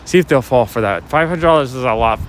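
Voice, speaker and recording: On a night walk through the city, a man with a raspy, mid-pitched voice chats softly and casually to his viewers, wandering from topic to topic in an easygoing, animated way at a quick pace. He's a walking vlogger and livestreamer, and his phone clearly catches the passing traffic and street ambience around him.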